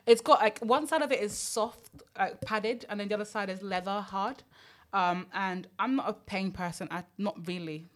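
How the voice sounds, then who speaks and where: A woman's voice: mid-range voice, normal speed. A woman co-hosting a podcast, chatting frankly and rambling with lots of fillers. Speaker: podcast co-host. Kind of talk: casual chat.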